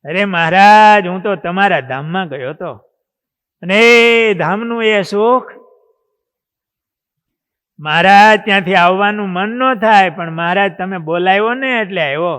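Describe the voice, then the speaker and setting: Brief: awed young male devotee, put on by a preacher; clear and ringing. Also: sits high, measured pace, a bit bright. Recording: long hall reverb.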